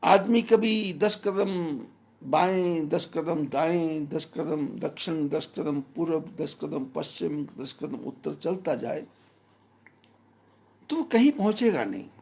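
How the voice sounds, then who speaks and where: Male spiritual teacher, emphatic measured preaching, gravelly edge to the voice. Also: fairly high pitch, animated, darkish tone. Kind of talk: devotional discourse.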